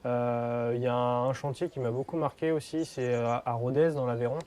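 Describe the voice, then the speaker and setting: A man's voice: mid-range voice, fairly even intonation, moderate pace, a little mellow. A man in his twenties, an apprentice stonemason, giving short, hesitant answers with many fillers in an outdoor interview. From western France. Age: 20s. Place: outdoors by a church.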